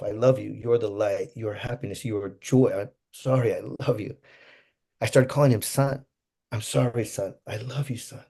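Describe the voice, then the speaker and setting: A man telling an emotional personal story to an audience, swinging from hushed to excited. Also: medium pitch, husky. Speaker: motivational speaker.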